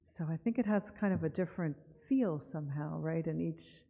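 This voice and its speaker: A Cuban woman gives an unhurried, conversational author talk in a synagogue chapel, reading a poem aloud and often pausing with fillers. Her voice is deep and mellow with vocal fry. The live broadcast sounds dull, with long reverb.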